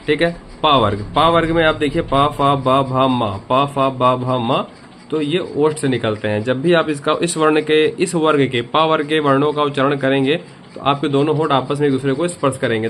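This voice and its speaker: A man teaches a grammar lesson explaining a memory trick, repeating each point and asking the viewer questions. His voice is on the high side with a fairly bright tone, and there's a little hiss or hum.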